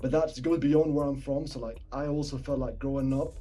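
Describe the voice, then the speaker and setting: Speaking a little fast in a mid-range voice with fairly even intonation, a young Palestinian man with a British accent, also raised on Arabic, chats as a rapper guest. His soft-spoken delivery is a bit mumbly and swallows words. It's a casual podcast interview over faint background music.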